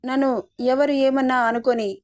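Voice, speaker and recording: Storybook reading: a woman voicing a proud, indignant young student, scolding and defiant, fairly high voice. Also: fairly even intonation, moderate pace, close to an everyday voice.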